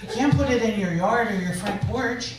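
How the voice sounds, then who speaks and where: A woman's voice: a little high, moderate pace, very noisy. A woman comedian telling stand-up stories conversationally, building to punchlines with rhetorical questions in front of a live audience. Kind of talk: stand-up storytelling. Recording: echoey live room from far off. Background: audience laughter and room ambience.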